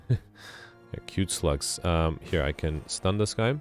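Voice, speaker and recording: A man's voice: sits low, takes it slowly, faint music behind. A man chatting casually while playing a co-op game, thinking aloud with frequent hesitations and ums. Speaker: streamer playing co-op. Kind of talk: casual gameplay chat.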